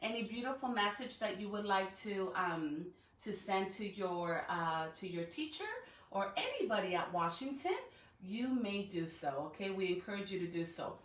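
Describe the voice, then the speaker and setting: A mid-range, expressive female voice moves at a moderate pace, caught by a distant mic in a roomy, echoing space. Hosting a live-streamed read-aloud as elementary school staff, she encourages young children with frequent check-ins like "right?" and rhetorical questions, then reads them a storybook.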